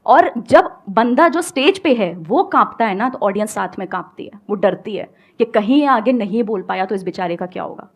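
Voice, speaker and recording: A woman's voice: medium pitch, lively intonation, normal speed, hardly any pauses. A woman speaking as a guest on stage, giving advice to an audience and explaining with everyday examples, mixing in English phrases. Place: stage before a live audience.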